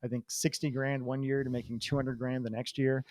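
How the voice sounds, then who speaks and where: A man's voice: mid-range voice, level tone, darkish tone. A man in his forties from Massachusetts, a copywriter telling his story candidly as a podcast guest. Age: 40s. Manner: candid, fast-flowing storyteller who swears casually. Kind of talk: casual interview storytelling.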